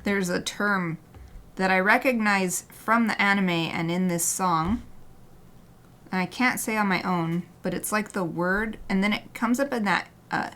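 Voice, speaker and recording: Speaking a little slowly in a mid-range voice, a woman artist chats casually while painting on a livestream. She tends to ramble, sinking often into a soft murmur, with bits of light laughter.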